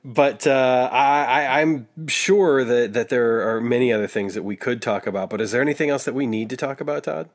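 A man hosting a casual podcast, talking with many fillers and halting restarts. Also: mid-range voice. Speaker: podcast host.

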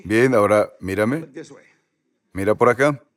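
A man's voice: lowish voice, measured pace, no room sound, studio quality. A male preacher telling a story in a sermon, talking straight to his congregation in a conversational way. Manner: conversational, addresses the congregation directly.

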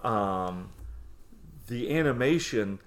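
A man in his forties with a fairly low voice co-hosts a podcast. He chats in a loose, nostalgic way, often circling back and restarting his sentences. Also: animated, slow. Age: 40s. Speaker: podcast co-host. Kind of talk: casual chat.

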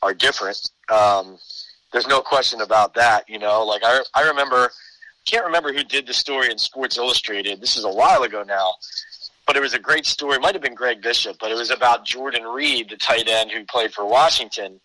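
A man's voice: mid-range voice, animated, brisk, pushed and bright, no room sound, poor audio. A man giving conversational sports analysis as a podcast guest, explaining his case point by point.

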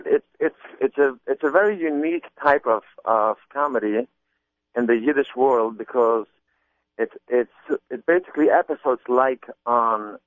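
A man's voice: mid-range voice, no echo. A man being interviewed about his comedy album, talking casually with many restarts and repeated words. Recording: muffled phone-line sound.

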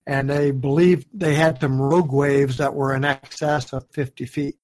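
A man's voice: mid-range voice, little pitch movement, normal speed, darkish tone, a little hiss or hum. A man co-hosting a podcast, chatting casually and explaining with a few fillers. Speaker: podcast co-host. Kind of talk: casual chat.

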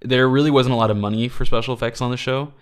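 A man's voice: medium pitch, fast, smooth. A man co-hosting a podcast, chatting casually and sharing trivia he has read. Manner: relaxed, conversational, cites trivia he read. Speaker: podcast co-host. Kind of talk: casual chat.

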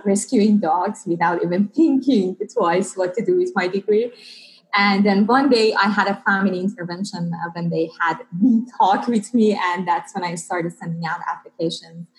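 A woman in her thirties from Iran, a PhD student answering interview questions in a conversational, slightly halting way. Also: mid-range voice, poor audio. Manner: earnest, slightly halting non-native phrasing with fillers. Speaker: guest, PhD student in biomechanics.

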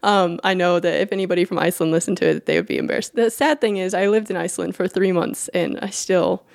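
A woman's voice: on the low side, very animated, fast, vocal fry, no echo. Chatty woman podcast host, dry sound. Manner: chatty, apologetic, laughs easily. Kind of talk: scripted podcast intro and casual interview.

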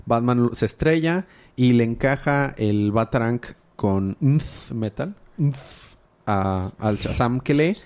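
A man co-hosts a relaxed comic book chat. He rambles through the plot, stumbling over filler words and chuckling as he retells the scenes. His voice sits at an ordinary middle pitch. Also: slow. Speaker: podcast co-host. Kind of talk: casual comic book discussion.

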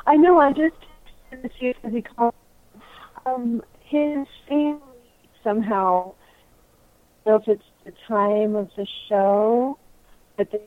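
A woman with a fairly high voice calling in by phone, playful and quick to giggle. Her voice sounds dry and close. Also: fairly even intonation, no echo, narrow, tinny audio. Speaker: caller.

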